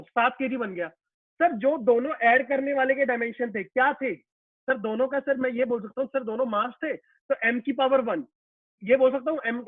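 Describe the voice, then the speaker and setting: A male physics teacher with an extremely high-pitched voice gives a live online lecture, posing questions and answering them himself. He calls his students "beta" and explains ideas with everyday examples. The recording is dry and tinny, like a phone.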